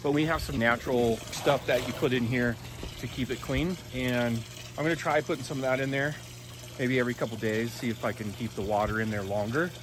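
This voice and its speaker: A man's voice: medium pitch, steady tone, brisk, background noise. A man in his forties, a father hosting a casual home vlog outdoors on a patio.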